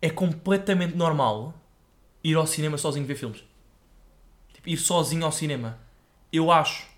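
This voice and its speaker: A young man, telling stories in an animated, slangy way as a casual podcast co-host. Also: on the high side, normal speed. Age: young adult. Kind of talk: casual chat, storytelling.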